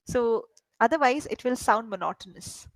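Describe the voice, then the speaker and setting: A woman's voice: on the high side, expressive, normal speed, dry recording, rough recording. A woman from India coaching a learner in spoken English, explaining patiently and checking in with frequent questions. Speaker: English tutor.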